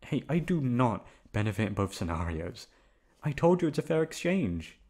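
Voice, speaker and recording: In this ASMR roleplay, a man voices a boyfriend who is teasing, loving, and playfully pleading. The delivery is sing-song at medium pitch, moderately paced, with a dark tone.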